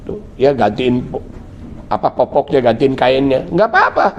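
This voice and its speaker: Heard through a muffled recording with slight hiss or hum, this middle-aged Islamic preacher speaks at medium pitch and normal speed. With a Betawi Jakarta accent, he mixes religious teaching with funny storytelling, playing out family scenes in different voices.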